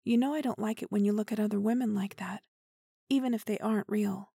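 A woman playing an obsessive, possessive young woman who kidnapped her lover, speaking softly and intimately and often dropping to a whisper. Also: mid-range voice, fast talker, vocal fry, breathy edge, no room sound, clean studio sound. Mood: possessive, doting. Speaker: voice actor in audio roleplay. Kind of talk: intimate listener-roleplay audio drama.

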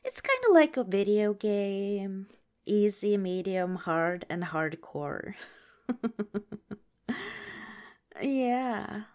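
A woman's voice: medium pitch, sing-song, slow, clean tone. A woman in an ASMR roleplay as a fawning makeup artist who calls the listener darling and honey, slipping at times into whispers. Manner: soft-spoken, slips into whispers.

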